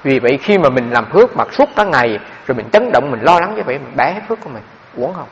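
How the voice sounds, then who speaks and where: Fast, gravelly monk preaching in a hall. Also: male voice, medium pitch, slight background noise. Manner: animated, addresses listeners directly. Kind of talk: dharma talk with storytelling. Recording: dull, echoey hall.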